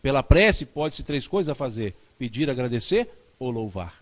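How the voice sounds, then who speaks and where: Male spiritist speaker, emphatic, repeats his points, lively rising and falling delivery. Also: mid-range voice, normal speed. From Minas Gerais, Brazil. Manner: emphatic, repeats key phrases. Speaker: spiritist lecturer. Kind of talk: spiritist lecture. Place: spiritist center lecture hall.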